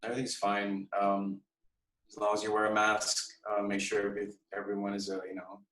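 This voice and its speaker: A man from Hong Kong, a guest musician chatting casually in an interview, relaxed and hesitant with many pauses and fillers. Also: fairly low pitch. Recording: echoey room, far from mic.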